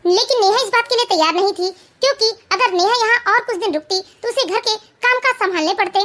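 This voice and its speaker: A woman narrates an animated family story in an even, scripted storytelling manner. Her voice is very high and bright, with a crisp forward ring. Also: brisk.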